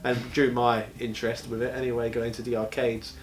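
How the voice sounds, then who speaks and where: A man in his thirties co-hosting a casual gaming chat, playful and jokey, getting excited as he talks. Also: mid-range voice, fairly quick, soft background music. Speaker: co-host of gaming chat show.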